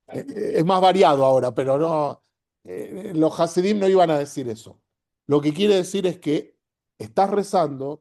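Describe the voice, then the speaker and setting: A man's voice: a little high, mellow. A man with a Rioplatense Spanish accent teaching a class as a rabbi. He talks in a conversational way, often checks in with "¿sí?", and acts out the inner voices he describes.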